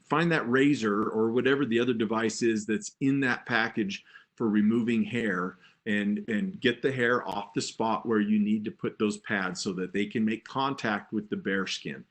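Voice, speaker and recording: A man's voice: medium pitch, fairly bright tone. A man teaching first aid in an informal, plain-spoken and reassuring way, explaining things conversationally as an instructor.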